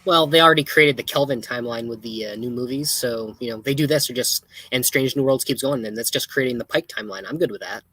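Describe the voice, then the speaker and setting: A man joining a casual podcast discussion with quick, wry jokes. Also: mid-range voice, sharp tone, slightly rough, no echo. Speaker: podcast panelist. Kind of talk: casual chat.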